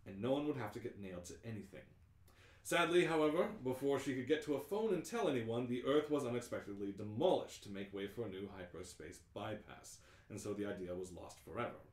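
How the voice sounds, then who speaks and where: A man hosts and narrates a live script read-through in a playful, theatrical manner. His mid-range voice sounds reverberant.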